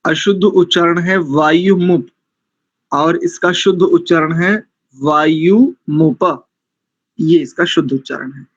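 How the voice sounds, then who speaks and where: A man teaching a mantra recitation class, chanting and breaking words down syllable by syllable with deliberate care. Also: on the high side, husky, muffled recording. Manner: slow, deliberate, syllable-by-syllable drilling.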